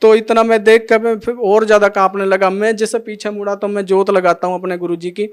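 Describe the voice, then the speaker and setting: A man's voice: sits high, level tone, a little fast, clean tone. A middle-aged man emotionally telling his testimony as a devotee, acting out the dialogue of each scene. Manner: retells scenes by acting out every line of dialogue.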